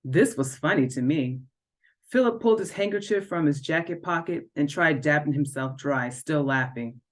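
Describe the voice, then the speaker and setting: A woman's voice: low voice, moderate pace. A woman reading an excerpt of her own novel aloud, telling the story expressively.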